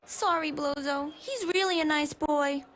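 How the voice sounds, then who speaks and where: A woman doing a shrill scolding mom. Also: measured pace, a bit bright, some chatter behind. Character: prim fussy mother scolding her son.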